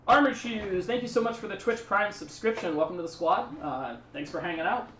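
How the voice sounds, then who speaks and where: A man's voice: high-pitched, brisk, fairly bright tone, roomy sound, far from the mic, slight background noise. A man streaming a card game, talking through his plays in a rambling, chatty way and thanking subscribers. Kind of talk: casual live-stream commentary.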